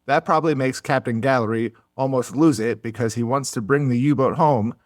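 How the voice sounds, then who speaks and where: A man's voice: mid-range voice, a little fast, no echo, studio quality. A man co-hosting a casual podcast, narrating a history story and breaking into jokes and laughter. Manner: laughs often, jokey asides.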